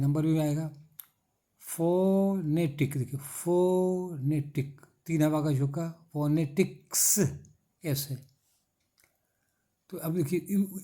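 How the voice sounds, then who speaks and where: A middle-aged man teaching English syllables in a lecture, drilling with repeated questions and answers and stretching out key words slowly. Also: on the high side, mellow. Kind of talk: classroom lecture.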